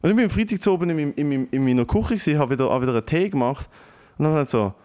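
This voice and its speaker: A young man with a Swiss German accent, animated and swearing often, telling a story in a casual chat with English slang mixed in. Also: a little high, very fast, smooth.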